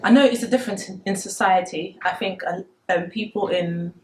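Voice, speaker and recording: A Congolese woman in her twenties, a native Lingala speaker, recalls personal experiences as an interview guest, sounding hesitant and reflective. Her mid-range voice has a darkish tone and runs a little fast. The recording is rough, with slight background noise.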